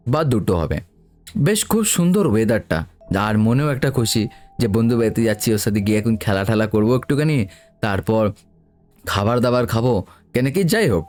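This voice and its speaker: A man tells a story, using a casual first-person style. His pitch sits in a middle register, but his delivery moves up and down a lot. He keeps turning to his listeners to chat with them. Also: a little mellow. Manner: chatty, addresses listeners directly. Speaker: podcast storyteller.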